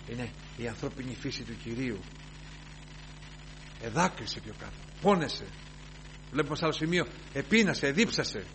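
A man preaching a fervent evangelical sermon, rising to loud exclamations of hallelujah and dropping to quiet, reflective passages. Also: medium pitch, a little hiss or hum, low-quality recording.

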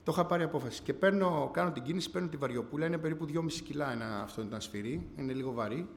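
A man with a fairly high voice gives a heartfelt church testimony, with sudden swells and drops in his delivery. His voice rings through a large hall with a long echo, and a faint hum sits behind it. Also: gravelly. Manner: earnest storytelling with quick rises and drops in pitch and loudness. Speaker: speaker giving a testimony. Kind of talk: personal testimony to a church gathering. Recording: long hall reverb, faint background noise.

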